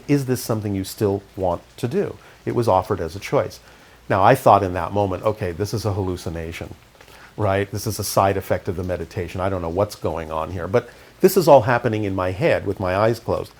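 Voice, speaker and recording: This middle-aged man, from Canada but raised in California, calmly recounts his experiences as an interview guest. His delivery is measured and low-key, in a reflective storytelling style.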